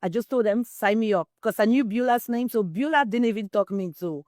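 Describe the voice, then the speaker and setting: Recorded in clean studio sound without echo, this middle-aged woman from Cameroon talks a little fast in a higher, darkish-toned voice. She's a wellness distributor appearing as an interview guest, recounting her own story earnestly like a testimonial and frequently quoting herself.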